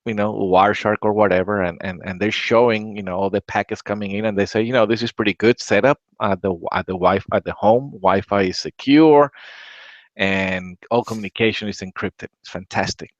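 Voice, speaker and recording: A man's voice: lowish voice, steady tone, brisk, no echo. A man of Latin American origin chatting casually about tech security, rambling and repeating words and often asking "right?". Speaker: podcast host. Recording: dry, dull lo-fi audio.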